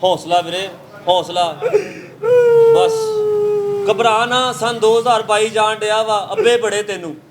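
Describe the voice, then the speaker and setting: Playing a teasing, brash caterer in a comedy sketch, a man with a high-pitched voice jokes and mocks as he notes down an order. His pace is measured, he leaves long pauses, and steady background noise sits behind him.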